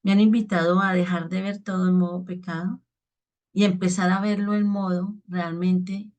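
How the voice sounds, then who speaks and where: A woman preacher speaks in a somewhat low voice, giving an earnest reflection on the daily gospel. She keeps checking in with her listeners as she talks. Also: level tone, normal speed, a little mellow.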